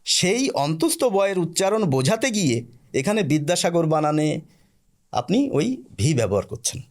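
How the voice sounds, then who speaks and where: A man talks as a guest on a podcast, and he explains patiently and step by step. His pitch rises and falls a great deal, and his voice sits a little high for a man. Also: sing-song, moderate pace, darkish tone. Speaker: guest expert on language. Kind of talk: explanatory conversational interview.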